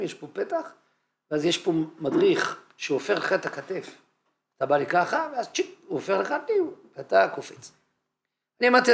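A man's voice: sits high, gravelly. A man teaching a humorous religious lecture in a yeshiva study hall, telling stories and acting out scenes. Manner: anecdotal, acts out scenes.

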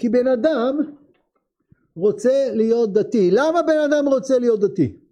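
A male teacher leading a classroom text lesson, asking his students many questions in a lively way. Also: very high-pitched, dull audio.

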